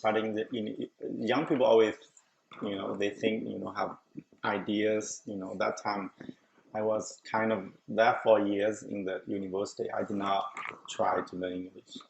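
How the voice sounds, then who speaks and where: A middle-aged man from China, speaking with a Chinese accent, hosts a show and tells his life story in a casual, chatty way, often laughing mid-sentence. His voice is low, gravelly, and level-toned at a normal pace. The audio is poor, with slight background noise.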